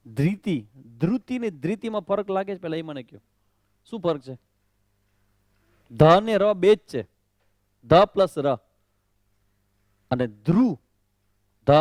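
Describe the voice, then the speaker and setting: A man leading a pronunciation class, his voice sitting a little above the usual male range. He speaks very slowly and repeats each syllable, questioning students as he corrects them. The room is dry, with no echo around his voice. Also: fairly high pitch, darkish tone. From Kutch, Gujarat. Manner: mixes in English phrases. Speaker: swami teaching Gita recitation.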